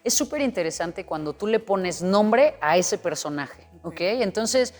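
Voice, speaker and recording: Woman coach talking it through earnestly, reverby room, soft music underneath. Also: medium pitch, expressive, a little slow. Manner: earnest, explanatory, acts out inner dialogue. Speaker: guest coach. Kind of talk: interview conversation. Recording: long reverb with faint music.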